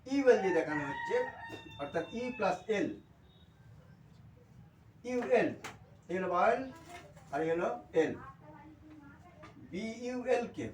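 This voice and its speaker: High-voiced Bengali man teaching pronunciation. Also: wildly swooping pitch, slow pace, long pauses, darkish tone, roomy sound, recorded from a distance, slight background noise, low-quality recording. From India. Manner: repeats words and spells out letters, checks with a frequent "okay". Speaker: English teacher. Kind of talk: spoken language lesson.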